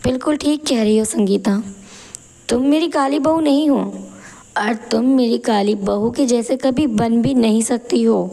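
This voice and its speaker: Cartoon mother-in-law, middle-aged and scolding, low gravelly voice, played by a woman. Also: measured pace. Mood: stern. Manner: scolding, sharp taunts. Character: harsh middle-aged mother-in-law, favors fair bride.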